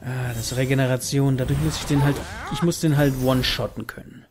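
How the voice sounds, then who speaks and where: A man's voice: mid-range voice, steady tone, a little fast. A man giving casual let's play commentary, thinking aloud and muttering to himself as he plays. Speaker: gaming video host. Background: game music.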